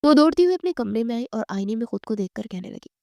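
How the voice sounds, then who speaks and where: A woman narrating a bedtime story in a dramatic, expressive reading. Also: on the high side, vocal fry, dry recording, studio quality.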